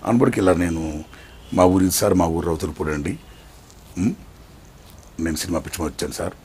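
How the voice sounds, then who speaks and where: An older man as an interview guest, telling his life story in an animated way, swinging between loud excitement and hushed tones. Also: low-pitched, a little fast, a little hiss or hum.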